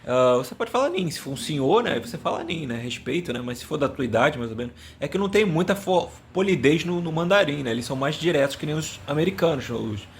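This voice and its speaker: Man, slightly high voice, joking monologue full of stumbles and self-mockery, faint background hiss. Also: animated, fast, few pauses. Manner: rambling, self-mocking, stumbles and searches for words. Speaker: language video host. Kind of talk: casual comedic monologue.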